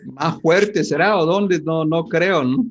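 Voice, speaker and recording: A man's voice: fairly high pitch, slow pace, lo-fi sound. A man teaching a physics class, quizzing his students with frequent tag questions. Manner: asks the class questions constantly, with many tag questions. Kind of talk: online class lecture.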